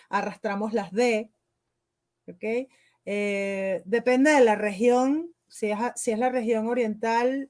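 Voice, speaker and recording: A woman with a Venezuelan accent and a fairly high voice explains how dubbing works, in a patient teacherly way. She keeps checking in with her listener with a quick "¿ok?" as she goes. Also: a little mellow. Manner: explanatory, peppers speech with "¿ok?". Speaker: voice actress and dubbing instructor. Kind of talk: interview answers.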